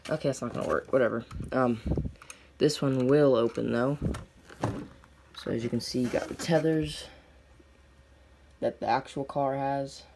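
A young man talks through an unboxing video in a casual, unscripted way. His voice is soft-edged and mellow at a medium pitch, delivered in short, plain phrases. The home recording has clear background noise and clicks. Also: steady tone, normal speed, pauses often. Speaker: diecast collector reviewing on camera. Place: indoors at a tabletop display.

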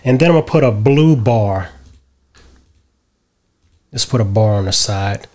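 A man's voice: lowish voice, a little slow. Middle-aged guy walking through a screen-share tutorial, laid back, keeps saying "right?". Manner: relaxed step-by-step explaining, tags lines with "right?". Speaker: tutorial host. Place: home office, indoors.

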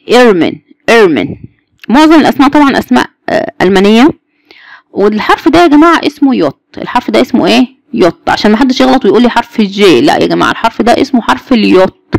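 A woman with an Egyptian Arabic accent walks a class through German letters at a brisk clip. Her voice has a gravelly, fry-tinged edge, recorded dry and close. She repeats each sound and keeps asking the students questions. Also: on the high side, no echo. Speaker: German teacher. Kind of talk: Egyptian Arabic alphabet lesson.

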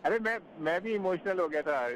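A man's voice: sits high, fairly quick, heavy background noise. A man calling in to a radio show, joking and bargaining for points. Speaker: caller.

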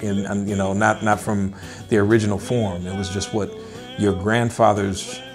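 Middle-aged male musician, low-ish voice, easygoing and reflective interview delivery, guitar music bed behind. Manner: thoughtful, unhurried, many filler pauses. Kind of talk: relaxed interview talk. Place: indoors, wood-paneled room, seated at a table.

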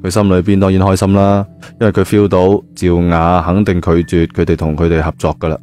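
A man narrates a novel in a low, darkish voice with a flat delivery, talking a little fast. The Cantonese-accented telling is colloquial and conversational with frequent spoken particles, accompanied by a music bed.

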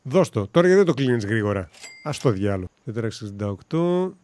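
A man's voice: medium pitch, sing-song, a little mellow. A man giving casual let's-play commentary in a joking, sarcastic way with mild swearing. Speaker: gaming commentator.

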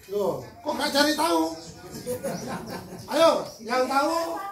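An older man from Madura speaking loudly and forcefully to a crowd at a charity event, joking with the audience. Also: extremely high pitch, big pitch swings, takes it slowly. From Madura, Indonesia. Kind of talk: addressing a crowd. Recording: echoey, distant mic with crowd noise.

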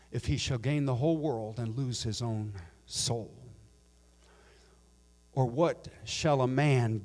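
Holding a handheld microphone in a church sanctuary, a middle-aged American pastor with a mid-range voice delivers a Pentecostal sermon. He starts with quiet scripture reading and swells into shouted, almost sung appeals.

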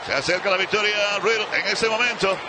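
A man calling wrestling play-by-play as a commentator, excitable and dramatic, in short bursts. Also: high-pitched, quick pace, heavy background noise. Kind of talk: play-by-play wrestling commentary in Spanish-language broadcast. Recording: loud arena crowd and ringside thuds. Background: roaring wrestling crowd.

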